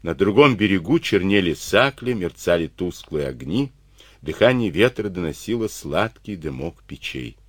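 A man reading a novel aloud as an audiobook narrator, giving the characters' dialogue expressive voices. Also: low-pitched, moderate pace, dry recording, clean studio sound.

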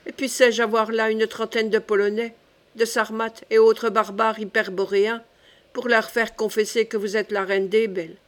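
Audiobook: woman reader doing a hearty, half-clownish courtier, lively and fond. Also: fairly high pitch, normal speed, lightly acted. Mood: exuberant. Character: boisterous jesting male Piedmontese nobleman.

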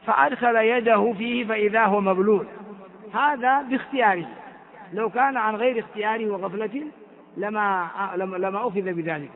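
A man from Ethiopia gives a classroom commentary on hadith, repeating phrases and quizzing his students. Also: sits high. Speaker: hadith teacher. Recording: tinny, phone-like lo-fi recording.

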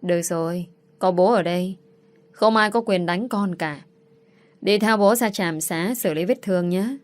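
Woman reader as a loyal older father, gruff and protective of his daughter. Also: lowish voice, unhurried, close to an everyday voice. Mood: comforting. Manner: fatherly, caring, then cursing in rage.

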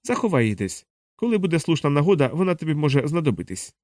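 A man's voice: fairly high pitch, big pitch swings, fast talker, darkish tone, no room sound, studio quality, voice pushed up. A man reading an audiobook, voicing a curt male army deserter who whispers tersely and urgently. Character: stern male deserter messenger, curt and secretive.

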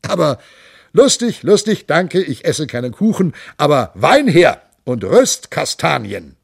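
Brief: male narrator plays jovial drinking monk, loud, gravelly, hearty, audiobook. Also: big pitch swings, a little slow, no room sound, clean studio sound, exaggerated voice. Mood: boisterous. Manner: loud, hearty, high-pitched boisterous delivery. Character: boisterous hard-drinking man monk, jovial, bawdy. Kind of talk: audiobook character voice.

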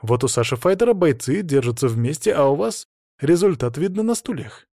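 A man's voice: fairly high pitch, expressive, fairly quick, mellow, no room sound, studio quality. A man voicing a sly adult male show host who probes and mocks the fighters, in an audiobook. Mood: needling.

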